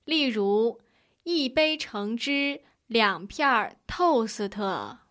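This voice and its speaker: A strict young tutor. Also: female voice, a little high, animated, very slow, a bit bright, full character voice. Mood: instructive. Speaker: tutor in a lesson dialogue.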